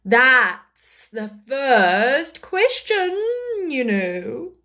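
A woman voicing an idle, indifferent male footman in a storybook reading, stretching his words out slowly. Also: a little high, big pitch swings, pushed and bright, full character voice. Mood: drawling. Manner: slow, drawling, unbothered.

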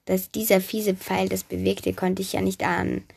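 Woman telling a lively storybook tale, gravelly. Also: mid-range voice, moderate pace. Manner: lively, chatty, speaks straight to the listener. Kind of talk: first-person storybook narration as a god.

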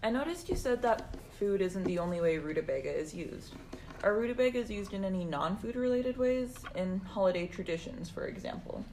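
A woman's voice: medium pitch, expressive, fairly quick, a little mellow, a little hiss or hum. A woman as interviewer in a scripted mock interview, reading her questions carefully.

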